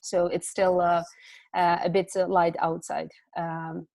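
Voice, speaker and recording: A woman's voice: fairly low pitch, level tone, a little slow, creaky, a little mellow. A woman from Ukraine, speaking on a video call from home as a guest speaker, hesitant, with many fillers and restarts. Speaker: community organizer, guest speaker. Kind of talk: casual online talk.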